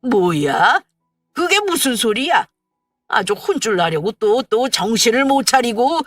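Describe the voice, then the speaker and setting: A woman voicing a gruff, hot-tempered late husband who blusters and scolds, then turns tender, in a story reading. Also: mid-range voice, animated, slow, a bit bright, dry recording. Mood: angry. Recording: dry distant mic with faint music. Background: faint background music.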